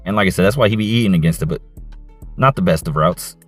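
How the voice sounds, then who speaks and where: Excited man breaking down game film. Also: low-pitched, fast, faint music behind. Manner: excited, repeats catchphrases, casual slang. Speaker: football coach and film analyst.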